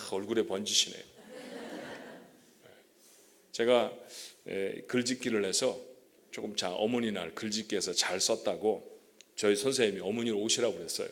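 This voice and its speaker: A male pastor preaching a sermon in a church, chatting with the congregation and checking in with them often; he says he stutters. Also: on the low side. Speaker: guest pastor. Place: church sanctuary.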